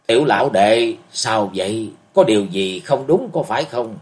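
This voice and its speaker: A man's voice: fairly low pitch, expressive, normal speed, close to an everyday voice. A man voicing a cold, lecturing old martial healer in a storybook reading. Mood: worried.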